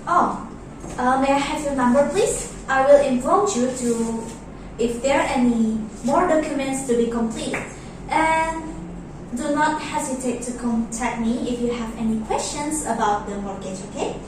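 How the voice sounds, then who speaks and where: A woman playing a polite, helpful bank customer relations officer in an amateur role-play, speaking formally and a little haltingly. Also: high-pitched, close to an everyday voice. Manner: courteous, halting, formal service talk. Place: echoey indoor room, far mic. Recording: echoey room, distant mic, noisy.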